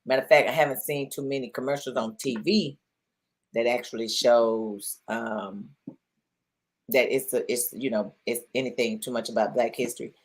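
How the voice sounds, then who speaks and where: A woman's voice: extremely low pitch, steady tone, normal speed, husky. A middle-aged woman co-hosting a casual talk show, chatty, often repeating herself and pressing with questions. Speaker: podcast co-host. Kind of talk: casual chat.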